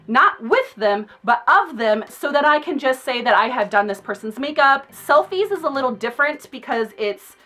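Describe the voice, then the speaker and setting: A young adult woman, a makeup artist, telling a casual storytime on her vlog in an outspoken, animated way, laughing often. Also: high-pitched.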